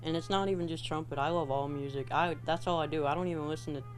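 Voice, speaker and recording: Steady, flat-voiced male musician. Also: fairly high pitch, fast, faint music behind. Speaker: trumpet player. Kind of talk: interview.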